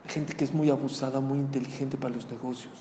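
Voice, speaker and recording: A man's voice: mid-range voice, fast. A man preaching a sermon, telling a story and asking the audience questions. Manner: animated, conversational, asks the audience. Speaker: rabbi preacher. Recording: echoey hall, faint noise.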